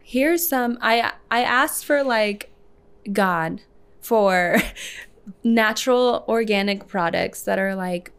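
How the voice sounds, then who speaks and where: A woman's voice: mid-range voice, slow pace, fairly bright tone, smooth. Chatty laughing woman stylist. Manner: chatty, laughs often, many "like" fillers. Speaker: hairstylist and salon owner, guest. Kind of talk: casual podcast conversation.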